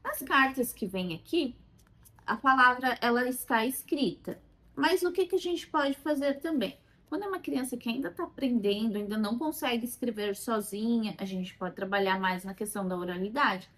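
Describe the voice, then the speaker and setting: A woman's voice: on the high side, moderate pace. A Brazilian woman teaching how to use a children's learning game, recorded on a phone, at times modelling questions as if to a child. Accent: Brazilian Portuguese. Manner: animated, talks as if to a child when modelling questions. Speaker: child development educator.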